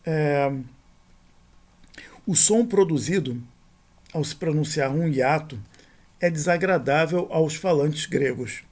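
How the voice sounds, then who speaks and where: A middle-aged man teaching a recorded grammar lesson, patient and repetitive, often checking with a quick tag question. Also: fairly high pitch, darkish tone. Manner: patient, repeats points, frequent "né?" tag questions.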